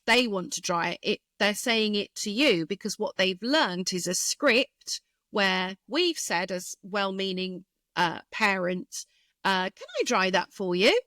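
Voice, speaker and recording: A woman speech therapist, a guest in an interview, explaining carefully and thoughtfully with frequent pauses and fillers. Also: medium pitch, pushed and bright, dry recording. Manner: thoughtful, hesitant with many fillers.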